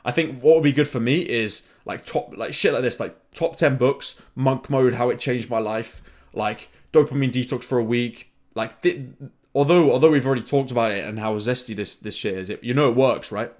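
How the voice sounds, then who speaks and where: A man's voice: mid-range voice, moderate pace, few pauses, a little mellow. A young man in casual chat as a content creator, rambling with lots of fillers.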